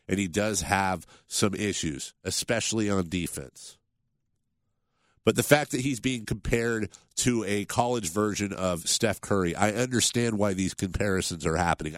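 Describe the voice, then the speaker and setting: Nasal sports radio host with a cold. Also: male voice, fairly low pitch, no echo, clean studio sound. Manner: opinionated, casual. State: has a cold.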